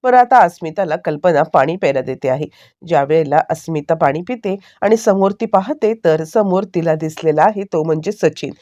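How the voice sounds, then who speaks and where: Low-pitched woman recapping a TV serial. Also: lively intonation, a little fast, mellow. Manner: fillers and self-corrections, running storytelling. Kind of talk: casual story recap narration.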